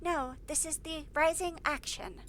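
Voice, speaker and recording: A woman's voice: high voice, measured pace, a bit bright, a little hiss or hum, voice pushed up. A woman voicing a pedantic middle-aged father who explains a movie plot in detail. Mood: explaining.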